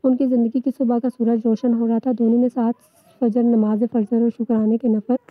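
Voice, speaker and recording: A woman narrating a romance novel aloud in a steady, even reading. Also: fairly high pitch, moderate pace, no echo. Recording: dull lo-fi, dry.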